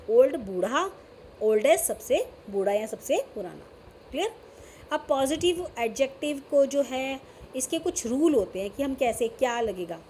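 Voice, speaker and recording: A woman's voice: fairly high pitch, warm tone, slight background noise. A woman with an Indian English accent teaching a grammar lesson, mixing Hindi and English and often checking whether her students have understood.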